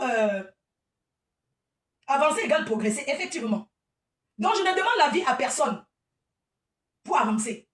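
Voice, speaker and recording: Combative woman, high, echoey. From Cameroon. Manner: combative, scolding, breaks into laughing asides. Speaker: event organizer. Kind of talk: livestream rant. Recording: echoey room, distant from mic.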